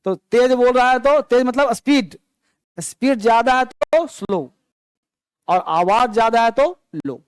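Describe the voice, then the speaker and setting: A man with a very high, smooth voice teaches an online English grammar class at a measured pace, with no room sound. He explains patiently, mixing Hindi with English words and calling his students beta and babu.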